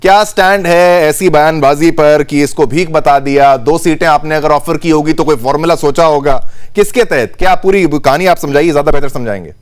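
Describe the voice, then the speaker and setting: A man's voice: on the high side, faint music behind. A man anchoring a televised panel debate, pressing guests with pointed questions. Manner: presses guests with pointed questions, many quick backchannel hums.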